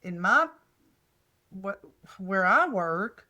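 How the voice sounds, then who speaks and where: A sing-song, pushed, bright quality marks this older woman's mid-range voice. Co-hosting a podcast from a hotel room, she rambles slowly through stories in casual chat, often starting over.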